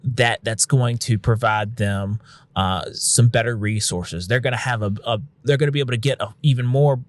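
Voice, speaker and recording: A man's voice: medium pitch, normal speed, no echo. A man who works as a paramedic, explaining in casual podcast talk and acting out what he says to patients, frank and now and then swearing. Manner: frank, conversational, uses occasional swearing; acts out quotes of what he'd say to patients. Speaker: paramedic and instructor.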